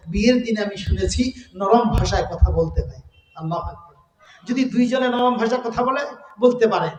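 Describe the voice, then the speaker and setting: A man preaching a fervent sermon, chanting verses in a drawn-out singing tone and putting rhetorical questions to the crowd. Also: high-pitched. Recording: echoey hall with long reverb.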